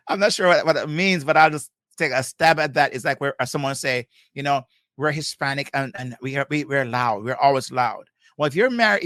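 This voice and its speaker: A man teaches couples in a rapid, emphatic style, repeating key phrases like a preacher. His voice sits on the higher side for a man. The sound is close and completely dry. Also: pushed and bright, dry recording. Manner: fast-talking, emphatic, preacher-like repetition; quotes Bible verses, chuckles often. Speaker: marriage podcast host. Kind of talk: live teaching on marriage.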